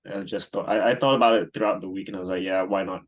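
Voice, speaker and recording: A Singaporean man in his thirties, a guest, answers interview questions in a loose, rambling way full of fillers and restarts. His voice is deep and he talks fast.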